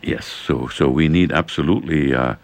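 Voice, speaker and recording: A man co-hosting a casual radio chat, speaking in a hesitant, halting way with many restarts. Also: very deep voice, no room sound. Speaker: radio co-host. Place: radio studio.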